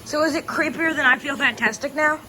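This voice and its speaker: A woman's voice: high voice, a little fast, sharp tone. A young female interviewer chatting casually and asking questions about reactions. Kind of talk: casual chat. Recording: noisy home recording.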